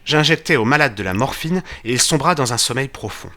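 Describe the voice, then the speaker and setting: An actor playing Doctor Watson, narrating an audio drama with vivid, tension-building delivery. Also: male voice, mid-range voice, animated, a little fast, sharp tone. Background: music.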